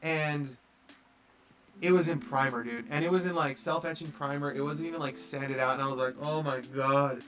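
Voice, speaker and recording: A man's voice: on the high side, brisk, a bit bright, faint music behind. A man telling a long casual story on a livestream, rambling with lots of fillers and acting out the dialogue. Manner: rambling, filler-heavy, acts out quoted dialogue. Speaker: streamer.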